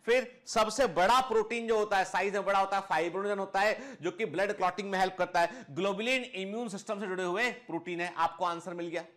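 A man's voice: high voice, fast talker, hardly any pauses, fairly bright tone. A man lecturing students as a biology teacher, explaining step by step, repeating key points and often checking they follow. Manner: explanatory, addresses students fondly as children; checks understanding with frequent short tag questions. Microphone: clip-on lapel mic.

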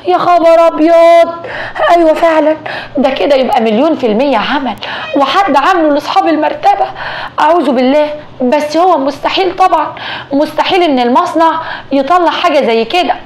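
A woman's voice: high voice, quick pace, a little hiss or hum, natural voice. A woman voicing an anxious, easily alarmed Egyptian housewife in a told story, speaking in an agitated, exclaiming way. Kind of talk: storytelling dialogue.

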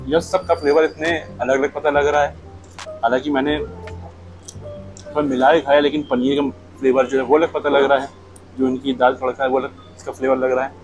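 A man's voice: mid-range voice, a little fast, over music, low-quality recording. Chatty Lucknow man reviewing food. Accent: Lucknow Hindustani. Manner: relaxed, chatty, describes each dish while eating. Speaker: food vlogger. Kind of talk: casual food review to camera. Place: restaurant table indoors. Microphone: lapel mic.

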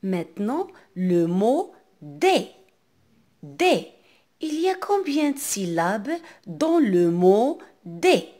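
A woman with a North African French accent, teaching a reading lesson to young children and sounding out words clearly. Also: medium pitch, sing-song, warm tone. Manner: slow, carefully enunciated, repeating words for children.

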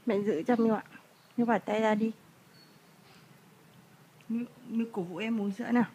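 A mother, gently coaxing her small child at home and prompting each line. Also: a little high, fairly even intonation, moderate pace, husky. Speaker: mother filming her toddler. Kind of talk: casual home chat with a child.

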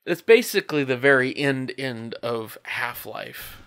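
A man's voice: medium pitch, animated, a little slow, vocal fry, fairly bright tone, slight background noise. A man hosting a casual let's-play, chatty and jokey, yelping at his in-game mishaps. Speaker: gaming channel host.

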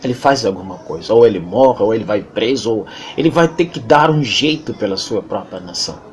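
A man's voice: on the low side, expressive, fairly quick, a little hiss or hum. Emphatic Angolan man lecturing. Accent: Angolan Portuguese. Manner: emphatic and lecturing, with much repetition. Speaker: interviewee. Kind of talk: impassioned monologue.

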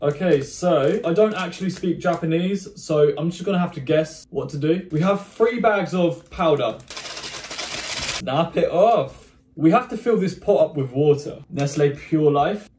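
A young man vlogging in his bedroom as he tries candy, excitable and joking, cursing and exclaiming as he goes. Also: on the high side, moderate pace, few pauses, echoey room, noisy background. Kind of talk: casual candy-tasting vlog.

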